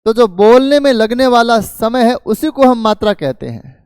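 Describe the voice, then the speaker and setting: A middle-aged male teacher gives a patient lecture, posing questions and then answering them himself. His voice sits high, and the recording is dry and close with no room sound. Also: lively intonation, normal speed, darkish tone, clean tone, dry recording. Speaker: Hindi teacher. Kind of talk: explanatory lecture.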